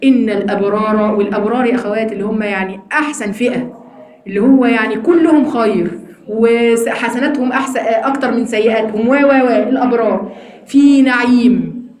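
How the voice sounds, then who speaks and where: A woman with an Egyptian accent teaching a Quran lesson to women, explaining quickly and slowing down to recite verses. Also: fairly high pitch. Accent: Egyptian Arabic. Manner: fast, animated explaining, slows for recitation. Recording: echoey room.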